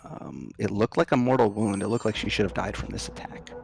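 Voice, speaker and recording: A man narrating a tabletop game as game master, halting and descriptive as he improvises. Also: lowish voice, very animated, gravelly.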